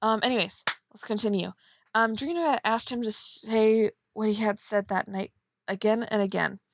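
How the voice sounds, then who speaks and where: On a casual stream mixing live commentary and reading aloud, a woman critiques fan fiction, teasing and blunt with sarcastic asides. Her voice is mid-range at normal speed, and the lo-fi audio has a noisy background.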